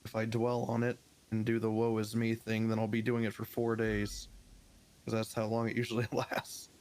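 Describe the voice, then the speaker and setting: Low, flat-voiced man in role-play. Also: normal speed. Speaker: fellow role-player. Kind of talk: casual role-play chat.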